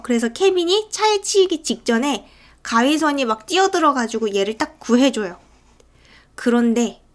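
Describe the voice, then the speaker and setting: A woman with a fairly high voice talks through a film scene by scene in a relaxed, chatty way. She often breaks into acted lines for the characters. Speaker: film recap narrator. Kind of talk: casual movie recap narration.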